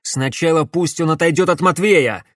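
A man voicing a desperate, defiant young male hero shouting demands to his captors in an audiobook. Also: on the high side, normal speed, dry recording, studio quality, voice pushed up, lightly acted.

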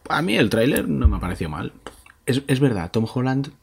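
A man's voice: mid-range voice, sing-song, a little fast, vocal fry, slight background noise. A man from Spain co-hosting a casual podcast chat, swearing often and restarting his sentences. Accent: Spain Spanish. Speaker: podcast co-host.

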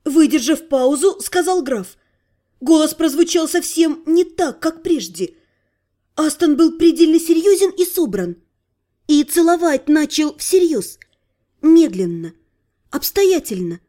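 A woman's voice: high voice, expressive, measured pace, mellow. A woman narrating a first-person story as an audiobook, reading expressively with emotion.

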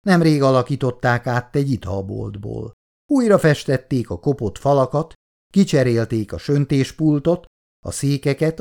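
A man narrating a story in a steady, measured way. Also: medium pitch, creaky. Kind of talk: storybook reading.

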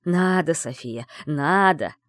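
Gruff, menacing young man for an audiobook, read by a woman; low and insistent. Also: lively intonation, slow pace, no room sound, clean studio sound. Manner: gruff and insistent, turns cold and threatening. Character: brusque young man, stern fiancé, menacing.

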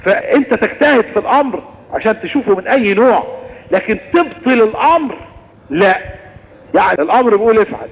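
Fast-talking Egyptian man teaching Islamic law. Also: high voice, in a large hall, dull audio. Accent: Egyptian Arabic. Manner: lively explanatory lecturing, answering questions. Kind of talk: recorded religious lesson.

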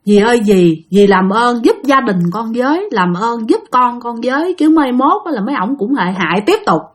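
A woman's voice: fairly high pitch, animated, moderate pace. A woman voicing the ghost of a young woman who pleads tearfully for help through a medium. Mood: pleading.

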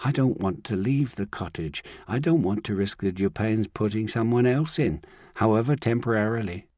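Playing a composed grandmother, a man keeps his delivery calm, measured, and reassuring, pitching it a little above his own voice while staying close to an everyday tone. The sound is close and dry, with no room or echo.

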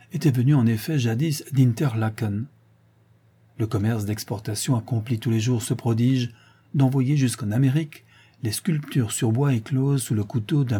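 A man reading a storybook aloud as a narrator, measured and expressive. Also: mid-range voice, husky. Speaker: audiobook narrator. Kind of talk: scripted narration.

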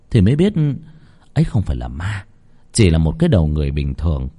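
Husky-voiced man telling a horror tale. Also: deep voice, mellow. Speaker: storyteller. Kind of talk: dramatic horror storytelling.

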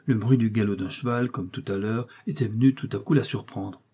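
Man, audiobook narrator, husky, mellow, steady storytelling. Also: lowish voice, brisk.

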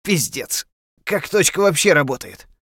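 A man's voice: fairly high pitch, expressive, slow pace, darkish tone, no room sound, studio quality, pitched above the performer's own voice. A man voicing rattled, blurting companions of the hero in a dramatic audiobook. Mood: angry, bewildered.

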